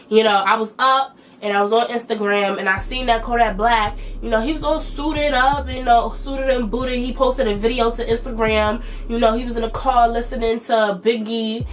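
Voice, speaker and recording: A woman in her twenties with a stuffy, nasal voice, chatting loosely as a vlog host with plenty of fillers. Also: mid-range voice. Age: 20s. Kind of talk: casual commentary.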